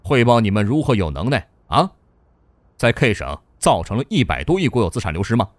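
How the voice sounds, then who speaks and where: A man voicing a stern, sarcastic male provincial governor who scolds in a sharp tone. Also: medium pitch, sing-song, a little fast, no echo, pitched below the performer's own voice, close to an everyday voice. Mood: scolding.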